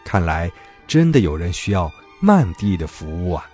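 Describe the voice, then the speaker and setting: A man's voice: sits low, sing-song, normal speed, a little mellow, soft background music. A man voicing a friendly, cheerful bear in a children's bedtime story.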